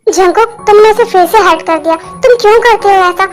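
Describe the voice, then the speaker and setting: A woman voicing a caring young sister-in-law who reasons gently and persuasively, in a Hindi fan dub. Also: very high voice, brisk. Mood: reproachful. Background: background music.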